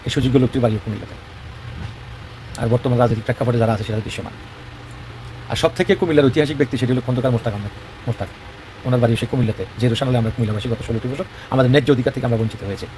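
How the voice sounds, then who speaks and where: A man's voice: a little high, slight background noise. A man from Bangladesh with a Comilla Bengali accent, speaking in an impassioned monologue, rhetorical and combative, asking questions and answering them himself. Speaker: regional advocate.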